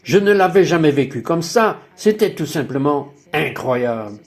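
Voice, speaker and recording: A man's voice: fairly high pitch, animated, normal speed. A man narrating a dubbed personal testimony in an emphatic, exclaiming way, full of wonder.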